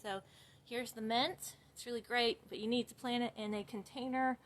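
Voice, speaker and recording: A woman's voice: a little high, steady tone, moderate pace. A woman working at a florist, chatting casually as she walks through the shop showing plants, rambling a little with lots of fillers. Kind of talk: casual walkthrough video. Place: flower shop and garage.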